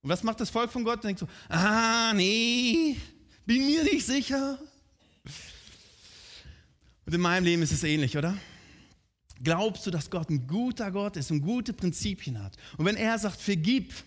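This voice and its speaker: Guy giving a sermon, fairly high voice, chatty, keeps asking the crowd questions. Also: expressive, a little fast. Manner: conversational, asks the audience direct questions. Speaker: preacher.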